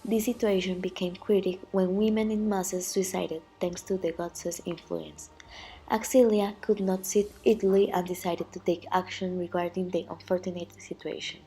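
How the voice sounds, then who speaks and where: A woman with a mellow, dark voice narrates an ancient myth from a script. She tells it gravely, with light music playing underneath. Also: lowish voice, level tone, normal speed, low-quality recording.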